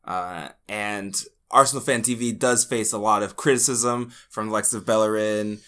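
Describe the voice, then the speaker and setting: A man's voice: lowish voice, fairly even intonation, moderate pace, sharp tone, clear, resonant tone. A man from the United States hosting a podcast, asking long, rambling interview questions with fillers. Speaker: podcast host.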